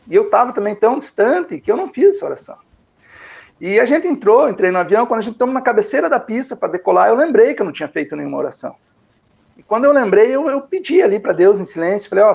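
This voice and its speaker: A man's voice: high-pitched, gravelly, a little mellow. An older man with a Brazilian Portuguese accent telling his testimony to a pastor, rambling and repeating himself with lots of fillers. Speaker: guest giving a testimony. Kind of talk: emotional storytelling. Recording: dull lo-fi recording.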